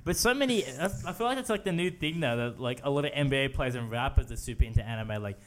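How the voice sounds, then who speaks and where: Young man, podcast co-host, rambling, exclaims a lot, mid-pitched voice. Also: lively intonation, fast. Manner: loose, rambling, exclaims often. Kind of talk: casual chat.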